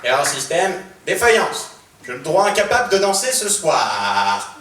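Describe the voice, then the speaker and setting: A man's voice: a little high, sing-song, measured pace, echoey room, distant mic, very noisy, pitched below the performer's own voice. A man voicing a glitching male robot dancer that is breaking down, in a stiff, clipped error-message delivery. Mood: malfunctioning. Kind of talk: comedy sketch acting.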